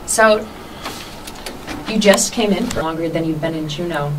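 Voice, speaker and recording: A woman's voice: lowish voice, normal speed. A woman working as a radio interviewer, putting questions to a guest. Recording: slightly noisy, distant microphone.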